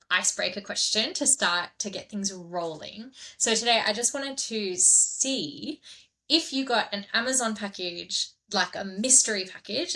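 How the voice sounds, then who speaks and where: A woman hosting a podcast in a relaxed, chatty way, laughing easily and dropping into soft asides. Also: mid-range voice. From grew up in southern India. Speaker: podcast host. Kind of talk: casual podcast chat.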